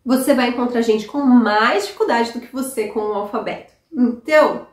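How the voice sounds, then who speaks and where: Brazilian woman vlogger, high voice, roomy echo, chatty tag questions. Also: moderate pace. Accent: Brazilian Portuguese. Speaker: vlogger giving study-abroad advice. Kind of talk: casual advice talk to camera.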